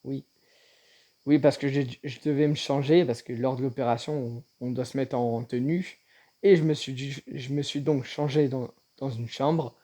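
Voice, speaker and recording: A man telling a personal story in a casual vlog, in a halting way with frequent restarts. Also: medium pitch, fairly even intonation, warm tone. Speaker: vlogger.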